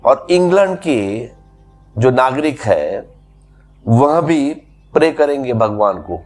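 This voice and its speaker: A man's voice: medium pitch, lively intonation, slow pace, darkish tone, soft background music. A man giving a spiritual discourse as a teacher, explaining patiently through repeated everyday examples.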